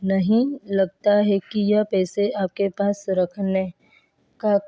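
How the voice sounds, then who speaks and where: A woman's voice: mid-range voice, little pitch movement, slow pace, dry recording, highs cut off, lightly acted. A woman voicing a wealthy, honest male merchant in a cartoon story, polite and moralizing.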